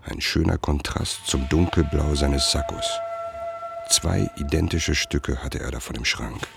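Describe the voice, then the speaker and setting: Narrating a radio play in the first person, a man voices a suspicious, brooding writer in middle age. He sounds rumbling and low, heavily acted, with a gravelly, measured, introspective delivery. Music runs in the background.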